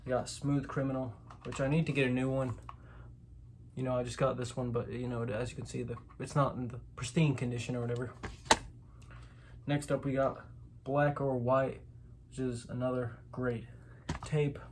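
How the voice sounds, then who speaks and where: A man shows off his collection in an informal, unscripted way, hedging and correcting himself as he goes. His voice is medium-pitched and darkish, with little pitch movement and a moderate pace. Clicks, clatter, and clear background noise run under the recording.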